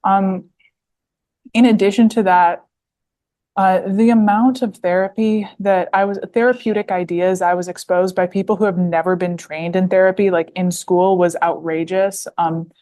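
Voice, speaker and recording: Speaking at normal speed with fairly even intonation, this woman has a medium-pitched, dark-toned voice. She's an author in her 20s from the United States, guesting on a podcast interview and rambling heavily with fillers and restarts.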